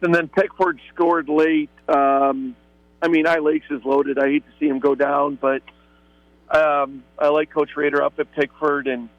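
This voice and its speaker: A man, a high school football coach, talking upbeat and rambling in a sports radio interview. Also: no echo. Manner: upbeat, rambling, repeats words. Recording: muffled phone line.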